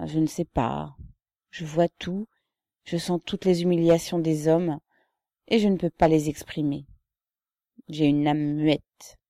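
A muffled, plaintive young man, sullen and awkward, his voice low and dark, as a woman reader puts him on. He speaks slowly and heavily, dry and close to the mic, like a storybook character. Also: no room sound. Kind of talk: audiobook character voice.

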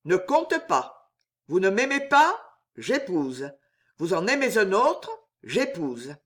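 A woman voicing a small, scheming nobleman in a storybook reading, mocking and menacing, with a low growl. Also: very animated, takes it slowly. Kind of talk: audiobook character reading.

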